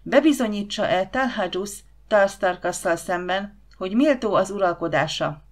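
A woman's voice: mid-range voice, animated, close to an everyday voice. A woman voicing a stern old green Martian male chieftain in an audiobook, speaking in a cold, hard, commanding tone. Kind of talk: audiobook character reading.

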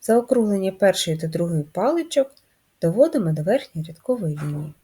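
A female first-grade teacher leads a literacy lesson in slow, drawn-out, sing-song classroom speech. Her pitch rises and falls lively, her pace is unhurried, and her voice is slightly breathy.

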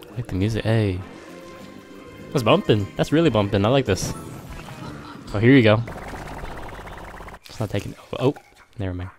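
A young man with a stuffy nose from being sick, quietly commenting on his own gameplay in slangy, casual talk under his breath. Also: lowish voice, lively intonation, normal speed, pauses often. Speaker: gameplay streamer. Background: game music.

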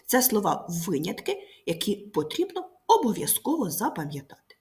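A woman teacher giving a recorded grammar lesson to pupils, speaking clearly and slowly, stressing each word. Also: medium pitch, huge pitch swings, a little mellow.

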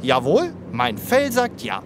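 A playful talking zebra from a children's radio play. The delivery is theatrical and self-important, with stretched words and wildly swooping pitch. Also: male voice, wildly swooping pitch, slow pace, vocal fry, background noise, full character voice. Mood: mock solemn. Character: cheerful talking zebra, playful know-it-all road safety expert. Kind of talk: children's audio drama acting.

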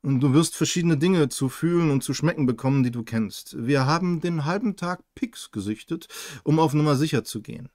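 A man's voice: fairly high pitch, fairly quick, a little mellow, no echo, clean studio sound, close to an everyday voice. A man voicing a matter-of-fact young female student in a novel reading. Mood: plain. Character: young woman student at a party.

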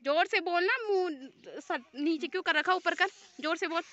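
A woman's voice: very high-pitched, moderate pace, a bit bright, muffled recording. A woman vlogger chatting with children outdoors, teasing and scolding them in a friendly way. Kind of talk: casual chat. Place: outdoors in a hill village.

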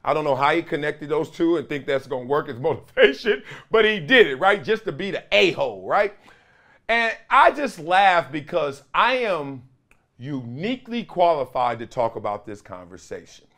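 In a small studio, a middle-aged sports commentary host talks at a moderate pace in a fairly high, sing-song, somewhat bright voice. He is a storyteller who acts out quotes with big, sweeping gestures.

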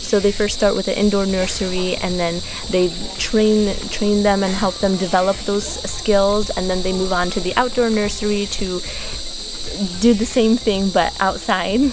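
A woman's voice: mid-range voice, flat delivery, normal speed. Woman vlogger, keen explainer, outdoor clip with insect buzz and hiss. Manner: enthusiastic, explains facts. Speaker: travel vlogger. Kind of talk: casual chat. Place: outdoors at a wildlife sanctuary.

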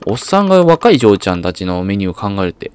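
A man's voice: on the low side, sing-song, fast talker, smooth, dry recording. Chatty man playing a game. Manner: chatty, reads game dialogue aloud and mutters to himself. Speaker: game streamer. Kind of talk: casual gameplay commentary.

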